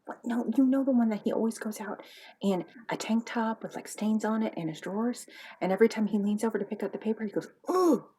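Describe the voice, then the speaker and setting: A woman voicing a nosy gossiping wife who pesters her husband, dropping to hushed whispers and then bursting out loud. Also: fairly high pitch, quick pace, slightly rough, pitched above the performer's own voice, rough recording. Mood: gossipy.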